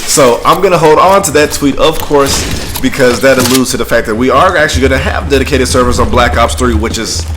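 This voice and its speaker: A man's voice: medium pitch, fairly quick. A man giving casual, conversational gameplay commentary in an informal, slangy, rambling way, as a gaming video creator. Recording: very noisy home recording with clicks.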